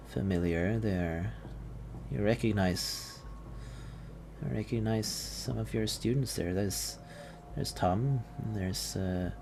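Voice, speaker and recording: A man narrating a tabletop game as game master, hesitant with many fillers and restarts. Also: fairly low pitch. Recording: steady background noise.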